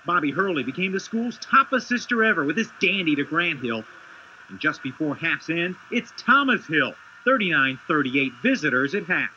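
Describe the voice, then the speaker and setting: A man narrating a scripted sports highlight voice-over as a TV reporter, with punchy dramatic phrasing. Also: very animated, normal speed, pushed and bright, a little hiss or hum. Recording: dull lo-fi 1990s TV broadcast.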